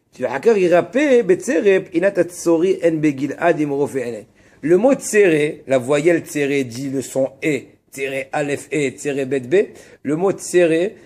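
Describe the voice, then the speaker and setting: A man leads a religious text class in a somewhat high voice. He talks in an animated way, asks his own questions and answers them, stresses Hebrew terms, and drops casual asides to his students. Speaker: rabbi teaching a class.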